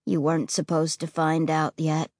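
A woman reading aloud voices a dead boy ghost, speaking in a low, flat, hushed tone. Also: normal speed, dry recording, studio quality. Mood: low menacing.

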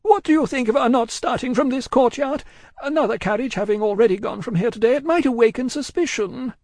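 A man's voice: extremely high pitch, fairly quick, darkish tone, no echo, clean studio sound, pitched above the performer's own voice. A man voicing a distraught, prim and loyal Englishwoman in a storybook, fussy, formal and emphatic in tearful agitation. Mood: frantic, anxious. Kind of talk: audiobook character acting.

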